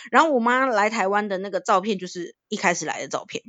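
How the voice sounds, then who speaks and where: A woman's voice: mid-range voice, expressive, fast talker, pushed and bright, no echo. A young woman from Thailand, a native Thai speaker, co-hosting a casual chat and explaining things at length with frequent laughs. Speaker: podcast co-host.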